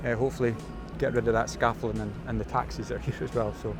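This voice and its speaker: Talking quickly with some vocal fry, a Scottish photography vlogger keeps a medium pitch and fairly even intonation on a casual walking vlog. Out on city streets with music underneath, he chats in a loose, rambling way, dropping fillers and Scottish words.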